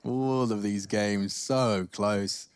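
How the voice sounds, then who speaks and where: A man's voice: lowish voice, steady tone, extremely slow, smooth, no echo. A man doing live commentary on an esports match in the manner of a caster.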